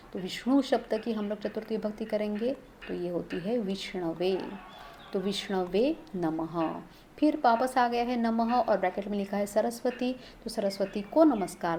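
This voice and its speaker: A woman's voice: medium pitch, a little mellow, a little hiss or hum. Patient woman teaching grammar. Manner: patient, explains step by step with questions and answers. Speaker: Sanskrit teacher. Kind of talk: exam-prep grammar lesson.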